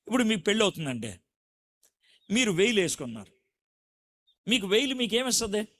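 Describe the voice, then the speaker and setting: Preaching through storytelling, a middle-aged man with a high-pitched voice brings each scene to life with lively delivery. He keeps testing the listeners with questions along the way.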